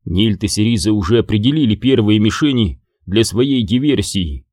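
Man reading a book out loud, low voice, steady, dry close sound. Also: normal speed, dry recording. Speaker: narrator. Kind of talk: audiobook narration.

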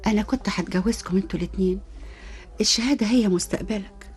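An actress with an Egyptian accent playing a resolute, self-sacrificing young student in love, breathy, in a radio melodrama. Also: female voice, medium pitch, fast talker, darkish tone. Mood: firm, pained.

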